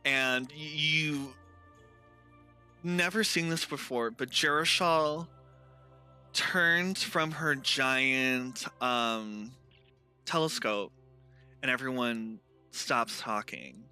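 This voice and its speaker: Guy running a tabletop game, super bright voice, talks slow, bit of music behind. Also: medium pitch, clear, resonant tone. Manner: casual, chatty, lots of fillers. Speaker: game master.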